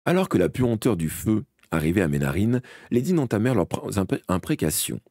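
Deep, husky man reading an audiobook. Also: a little fast, dry recording, studio quality. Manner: dramatic, expressive reading with small slips and restarts. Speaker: audiobook reader. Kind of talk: first-person audiobook narration read live.

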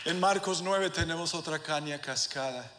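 A male pastor preaching a sermon, moving between quiet asides and shouted passages, with English phrases dropped in. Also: fairly high pitch, normal speed. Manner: swings from soft to shouted preaching, with asides to the congregation. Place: church sanctuary. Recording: reverberant church hall with faint room noise.

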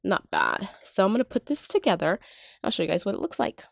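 Her mid-range voice is creaky, very animated and fairly quick, recorded at studio quality with no room sound. She's a middle-aged couponing vlogger nursing a cold, her congested voice chatting through a casual gift-basket tutorial at home, explaining each step with fillers while filming a tabletop close-up.

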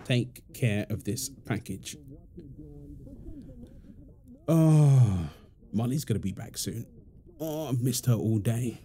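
Chuckling and teasing, a man performs an intimate domestic ASMR roleplay as a playful young husband and doting father. His mid-range voice is animated, unhurried and mellow, with slight background noise.

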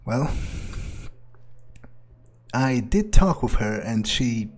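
A man's medium-pitched, expressive voice moves extremely slowly as he narrates a video game playthrough in character. It's roleplay gameplay talk where he thinks out loud, hesitant and musing.

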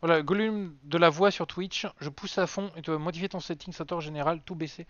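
Streamer, homme, voix haute et nette, parle en vrac, son sec. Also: male voice, on the high side, brisk, a bit bright, dry recording. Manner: rambling, self-mocking, many fillers. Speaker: game streamer. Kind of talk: casual live-stream chat. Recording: dry, slightly dull lo-fi sound.

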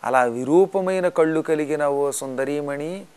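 A male religious speaker delivers a storytelling discourse in a high voice. He chants scripture lines and unpacks them with animated explanation. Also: unhurried, clean tone. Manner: animated, explanatory, recites verses then explains.

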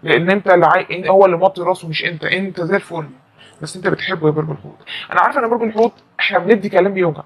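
A woman's voice: lowish voice, very fast, breathy edge. A woman with an Egyptian Arabic accent giving a chatty, emphatic tarot reading to camera and repeating her phrases. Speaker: tarot reader.

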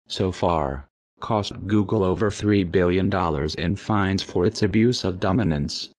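A man with a disguised deep voice reading an anonymous message as scripted narration, grave and steady. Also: no echo.

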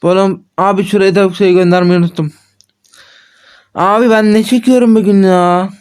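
A man with a fairly high voice talks through a mobile strategy game in casual commentary. He chats to his viewers, corrects himself often and sounds frustrated at his own mistakes. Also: steady tone, normal speed, darkish tone, smooth. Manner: chatty, self-correcting, addresses viewers as friends. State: frustrated after repeated mistakes. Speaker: gaming channel host.

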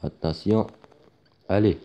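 Excitable male gamer calling his own football match, mellow dark tone, lo-fi mic. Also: deep voice, slow. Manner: excitable, shouts at big moments, chatty asides with many fillers. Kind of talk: casual gameplay commentary. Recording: dull lo-fi home mic with faint noise.

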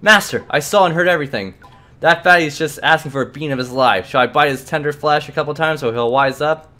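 A man's voice: on the high side, brisk, bright, forceful tone, voice pushed up. A man voicing a sly, bloodthirsty female spirit companion who coaxes her master in a doting, purring way while reading a game's dialogue aloud. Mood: coaxing. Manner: purring, coaxing, calls him sweetie.

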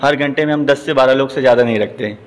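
A middle-aged man who owns a gym, answering a news reporter's questions in a plain, steady way and often saying "ji". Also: mid-range voice, quick pace. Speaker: gym owner and trainer. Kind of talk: news interview. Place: large indoor gym. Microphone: handheld news mic. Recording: long hall reverb, faint noise.

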